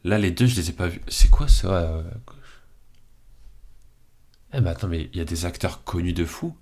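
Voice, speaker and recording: A man's voice: sits low, moderate pace. A man hosting his channel, chatting casually as he picks between films, thinking aloud with frequent hesitations and fillers. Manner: relaxed and candid. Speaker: channel host. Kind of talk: casual commentary while picking films.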